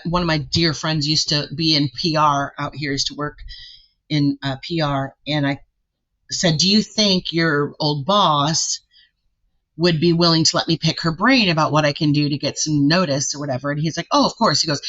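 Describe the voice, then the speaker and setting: A woman vocal artist being interviewed, telling her story casually and lively, acting out what people said, with a deep, soulful voice. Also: normal speed, dull audio. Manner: animated, acts out quoted voices.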